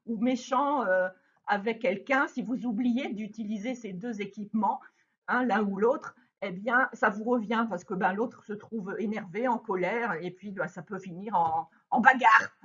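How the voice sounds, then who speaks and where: Husky-voiced woman teaching children. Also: on the high side. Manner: gentle, animated, frequent hesitation fillers. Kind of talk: children's lesson on kind words. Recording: dull lo-fi sound.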